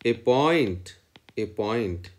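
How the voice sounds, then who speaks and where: A man's voice: medium pitch, lively intonation, drawn-out words, a little mellow. A man lecturing in mathematics, dictating definitions in short phrases and repeating each one as he writes.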